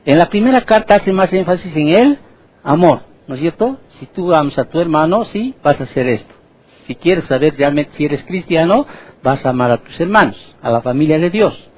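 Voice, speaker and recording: A male pastor preaching a sermon in a voice sitting a little high for a man. He keeps turning to the congregation with questions and repeats words to hammer home each point. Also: lively intonation, moderate pace, rough recording.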